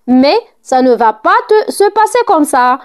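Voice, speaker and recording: A woman's voice: sits high, lively intonation, a little slow, a little mellow. A woman reading aloud in the part of an old nurse, scolding and fretful, with indignant outbursts.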